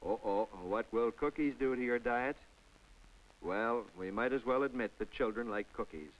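Over an old film soundtrack with faint music, a man delivers scripted, conversational narration for a public information film, adding homespun remarks aimed at the audience. He speaks at a normal pace in a medium pitch, and the recording is rough.

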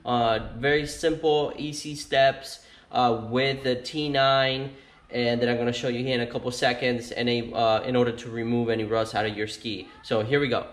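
A man in his thirties hosting a casual how-to video in a home garage, explaining each step slowly with plenty of ums and restarts. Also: mid-range voice, level tone. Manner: slow, halting step-by-step explaining with many fillers. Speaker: host of a how-to channel. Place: home garage with door open.

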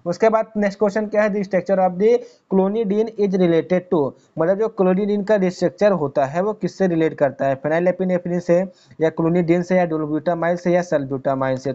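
A man with a fairly high, mellow voice teaches pharmacy exam questions. He reads the question slowly, then explains it fast, asking himself questions as he goes. The sound is a little dull and lo-fi. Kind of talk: exam-prep lecture explaining multiple-choice answers.

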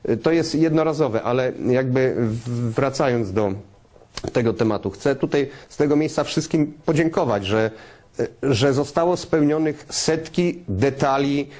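A man answering in an unscripted TV interview as a business executive, halting and promotional, speaking directly to viewers. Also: medium pitch, a little mellow. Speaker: interview guest, trade fair business executive.

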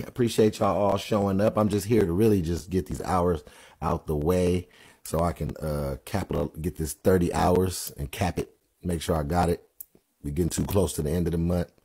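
Man hosting a live stream, dark husky voice, loose and chatty with viewers, phone mic. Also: low-pitched. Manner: slows down to read scripture aloud. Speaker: livestream host and gospel rapper. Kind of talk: casual livestream Bible talk.

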